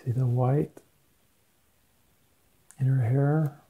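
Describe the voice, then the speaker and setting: Slow older grandpa voice reading a storybook. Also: male voice, mid-range voice, steady tone, phone-quality sound. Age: 60s or older. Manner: grandpa voice, slow and deliberate with pauses to point things out. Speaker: grandfather reading a picture book aloud. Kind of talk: storybook read-aloud with asides to a child.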